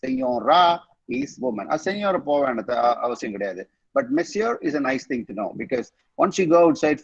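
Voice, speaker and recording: A man's voice: mid-range voice, husky, no room sound, highs cut off. A middle-aged man with a Tamil accent teaching an online college training class, switching between languages and repeating words to drill them. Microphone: online class mic.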